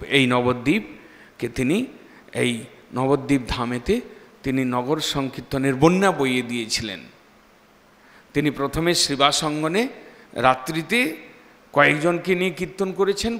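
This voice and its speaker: A man's voice: mid-range voice, a bit bright. A man, a monk giving a devotional sermon, chanting verses between storytelling that rises and falls dramatically. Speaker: monk preacher. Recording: long reverb in a hall.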